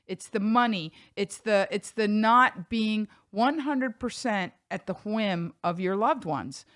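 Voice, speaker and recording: A woman's voice: medium pitch, slow, fairly bright tone. A woman in her forties co-hosting a studio podcast, making her points emphatically one after another. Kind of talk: casual interview chat. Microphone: studio mic on boom arm.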